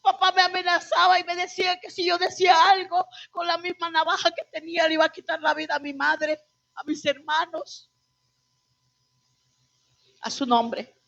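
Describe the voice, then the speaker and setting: A woman's voice: very high-pitched, steady tone, moderate pace, creaky, a bit bright. A woman pastor telling her testimony to a congregation, emotional and calling them brothers. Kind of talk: testimony sermon. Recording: dull lo-fi church recording.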